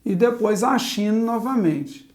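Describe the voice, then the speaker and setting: A woman's voice: mid-range voice, lively intonation, slow pace, a little mellow. A woman teaching a Biblical Hebrew grammar lesson at a chalkboard, methodically spelling out letters and vowels one by one. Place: classroom with a chalkboard.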